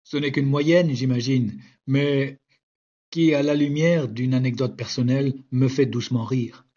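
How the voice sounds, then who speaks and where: A man, a language teacher, narrating a scripted explanation in a measured, wry way. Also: medium pitch, steady tone, dark tone. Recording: dull lo-fi recording.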